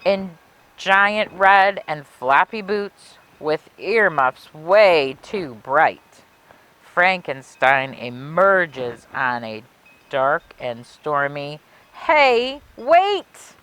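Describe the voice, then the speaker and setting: A library story time host reads a children's picture book aloud, telling the story expressively and deliberately. Her voice is low-pitched, clear and resonant.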